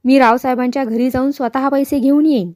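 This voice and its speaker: A woman's voice: high voice, fairly even intonation, fast, a little mellow, no room sound, clean studio sound, lightly acted. Woman doing a blustering miserly shopkeeper. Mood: fawning. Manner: blustering, scolding, then fawning. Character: irritable, miserly middle-aged male shopkeeper.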